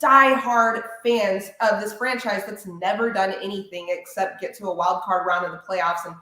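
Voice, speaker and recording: A woman who hosts a sports radio show, ranting in an animated, opinionated way during a casual podcast chat. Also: mid-range voice, normal speed. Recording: very echoey room.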